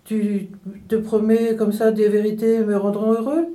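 A woman voicing a poor, grumpy peasant man who grumbles and shouts. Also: medium pitch, flat delivery, measured pace, reverberant, voice pushed up, close to an everyday voice. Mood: grumbling.

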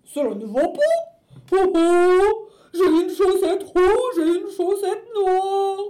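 A woman's voice: very high voice, lively intonation, takes it slowly, warm tone, pitched above the performer's own voice, heavily acted. A woman voicing a flustered, grumbling old Father Christmas in a children's story, exclaiming and fretting. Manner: exclaims and frets, scolds.

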